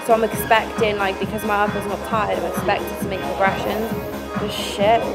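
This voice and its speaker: A woman's voice: mid-range voice, level tone, normal speed. A young woman chatting casually with a training partner in a large gym. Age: young adult. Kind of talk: casual chat. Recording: loud music, busy gym crowd behind.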